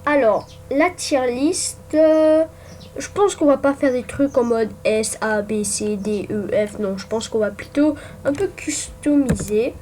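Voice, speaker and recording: Speaking at a measured pace in a warm, fairly high voice, a young gaming YouTuber offers casual screen-recorded commentary as she puts together a ranking on her computer. She's hesitant, full of fillers and restarts, over faint background noise and the clicking of her keyboard.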